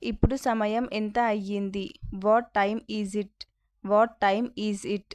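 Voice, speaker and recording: Woman English tutor with a Telugu accent, smooth clear voice, repeats each phrase twice in a drill. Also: medium pitch, level tone, slow, a little mellow, dry recording. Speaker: spoken English teacher.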